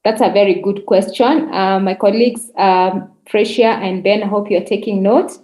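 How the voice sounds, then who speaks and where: A woman's voice: medium pitch, fairly even intonation, moderate pace, dark tone. A woman moderating an online forum over a video call, encouraging speakers and calling on them by name. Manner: encouraging, calls on participants by name. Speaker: webinar moderator. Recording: roomy echo.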